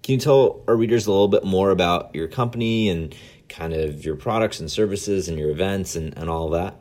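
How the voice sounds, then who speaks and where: A man's voice: low voice, fairly quick, a little mellow, no room sound. A man hosting a podcast interview, asking questions in a friendly, casual way. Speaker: podcast host.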